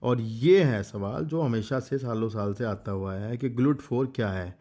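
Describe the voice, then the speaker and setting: At a measured pace and with a mellow, medium-pitched voice, this biology teacher runs an informal revision session for exams. He reads from the textbook in English, explains in Hindi, and presses his students to memorize what matters.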